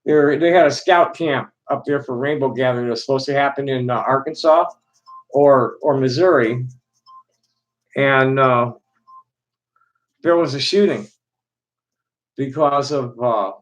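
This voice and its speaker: Halting, rambling middle-aged man. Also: mid-range voice, low-quality recording. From Chicago. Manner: halting, many restarts and fillers. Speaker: live stream host. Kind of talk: rambling casual monologue to chat.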